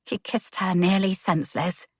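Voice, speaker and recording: Woman, romance audiobook narrator, measured, low voice, dry close sound. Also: flat delivery, breathy edge, dry recording. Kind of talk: scripted narration.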